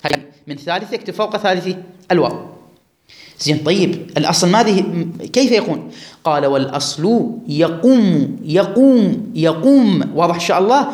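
A man's voice: high voice, expressive, fast, long pauses. A man teaching a classroom grammar lesson, drawing out and repeating words for his students. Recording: echoey room.

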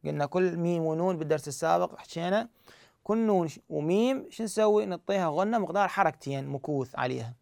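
A man walks learners through recitation rules one step at a time. His voice sits high with a gravelly edge, yet stays smooth and resonant, recorded dry and close. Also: quick pace, darkish tone, no echo. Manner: explains step by step, asks himself questions and answers them. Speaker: Quran recitation teacher. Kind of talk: tajweed lesson.

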